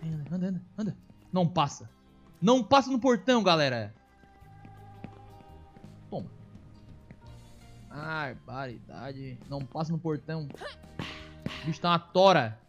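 Gaucho guy doing let's-play commentary, kinda high voice that jumps all over, gets hyped fast, faint music behind. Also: lo-fi sound. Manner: excitable, calls to viewers, coaxes animals aloud. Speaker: gaming streamer.

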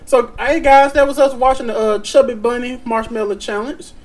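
A man's voice: extremely high pitch, flat delivery, normal speed, soft background music. A young man hosting a casual reaction chat from his living room. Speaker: reaction video host.

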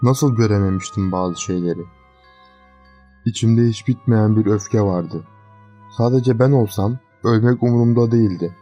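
Low, dark-voiced man narrating a horror story. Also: normal speed. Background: faint eerie music.

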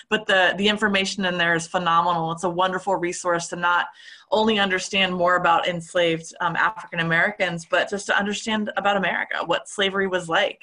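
A woman's voice: on the low side, sharp tone. A woman moderating a Q&A session, reading out audience questions and adding her own remarks, with many fillers.

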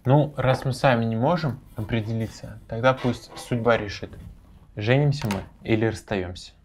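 A man's voice: mid-range voice, moderate pace, darkish tone, slight background noise, natural voice. A man playing an exasperated young boyfriend. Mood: weary. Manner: bickering, then tired and resigned. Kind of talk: short film acting.

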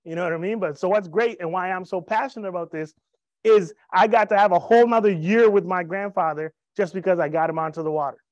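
Here a man in his thirties talks at a quick pace in a high, slightly mellow voice, captured with lo-fi sound and no echo. Standing on an event-room stage with a handheld mic, he makes a lighthearted, joking sales presentation to a live audience, drawing on personal stories.

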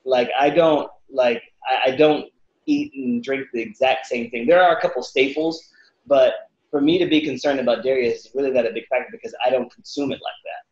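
A man in his thirties, a fitness cook answering interview questions casually over a video call from his living room, lively and acting out quotes. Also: mid-range voice, a little fast. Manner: animated, acts out quotes with voices. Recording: roomy, slightly dull video call audio.

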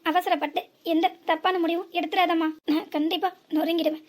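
A soft-spoken young cartoon husband, voiced by a woman, pleading gently with his wife. The voice sits very high for a man, held a few steps below the performer's own. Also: steady tone, brisk. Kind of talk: cartoon voice acting.

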